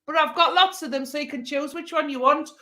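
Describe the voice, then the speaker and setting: A woman's voice: high-pitched, brisk, pushed and bright. A woman hosting a casual chat show, cheeky and brash, swearing freely. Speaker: host. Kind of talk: casual banter, show host.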